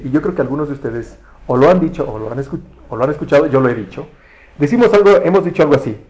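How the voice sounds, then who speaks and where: A man preaching a relaxed, conversational sermon, often correcting himself and asking the congregation questions. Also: on the high side, low-quality recording. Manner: relaxed, self-correcting, asks the audience questions.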